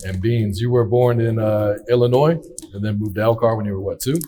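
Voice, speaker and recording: A man's voice: on the low side, a little fast, crowd noise. A man interviewing guests, asking short questions and giving brief backchannels.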